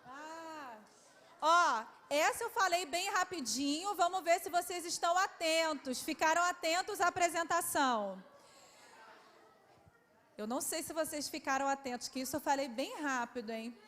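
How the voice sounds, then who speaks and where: Her voice sitting high and a bit bright, a Brazilian woman historian runs a lively quiz for schoolchildren at a public event in a large hall, speaking at normal speed. She coaxes them affectionately, calling them "my love", amid reverberation and faint background noise.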